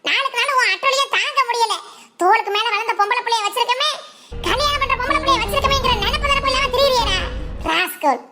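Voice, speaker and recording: A woman's voice: very high voice, fast, sharp tone. A woman with a Ramanathapuram Tamil accent voicing village cartoon characters, scolding and laughing in rural slang. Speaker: cartoon voice artist doing every female figure. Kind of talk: village family cartoon voice acting.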